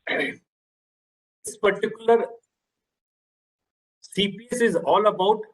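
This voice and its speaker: A man with an Indian English accent giving a halting online lecture over a video call, often repeating words. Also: sits high, fairly bright tone, poor audio.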